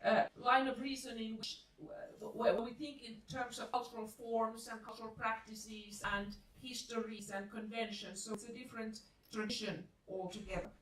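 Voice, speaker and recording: A woman media scholar giving measured remarks on an academic panel, soft-spoken and pausing with frequent fillers. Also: fairly high pitch, little pitch movement. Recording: echoey room from far off, faint hiss.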